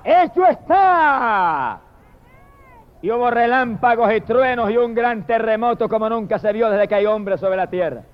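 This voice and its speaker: High-pitched puerto rican preacher guy, dramatic, muffled old recording. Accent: Puerto Rican Spanish. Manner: dramatic, shouting drawn-out hallelujahs, then murmured prayers. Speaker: evangelist preacher. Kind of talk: fiery sermon. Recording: dull lo-fi sermon recording.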